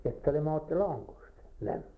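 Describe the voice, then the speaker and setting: Gravelly older man reminiscing, tinny recording. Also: on the high side, lively intonation. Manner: plain-spoken storytelling, repeating phrases for weight. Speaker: interviewee recalling village life. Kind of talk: oral history reminiscence. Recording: tinny lo-fi recording with faint hiss.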